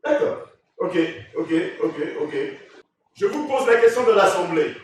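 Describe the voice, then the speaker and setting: A male preacher delivers a sermon and puts questions to the congregation. His voice runs high and climbs into shouted emphasis. It sounds distant and echoey, caught in a big reverberant church room. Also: expressive, measured pace, a little hiss or hum. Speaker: pastor. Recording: echoey church hall, voice from afar.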